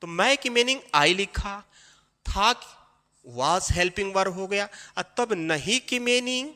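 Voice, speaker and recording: Male teacher, animated and bright, walking through grammar step by step. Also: sits high. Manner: explains step by step, repeating key phrases slowly. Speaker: English teacher. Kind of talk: classroom grammar lesson. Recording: long hall reverb.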